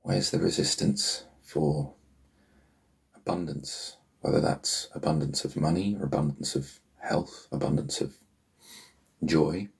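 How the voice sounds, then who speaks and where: Deep, gravelly man guiding a meditation in a soothing murmur. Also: steady tone, a little slow. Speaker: meditation guide. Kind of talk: guided healing meditation.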